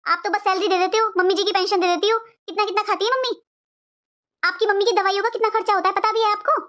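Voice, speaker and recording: Woman doing a sharp-tongued scheming sister-in-law. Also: extremely high pitch, steady tone, quick pace. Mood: defensive. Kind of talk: family drama acting.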